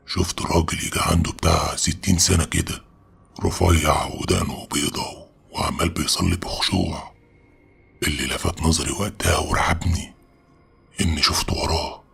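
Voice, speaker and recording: A man's voice: low-pitched, gravelly, fairly bright tone, slightly rough. A man with an Egyptian Arabic accent telling a first-person horror story in a casual, streetwise way.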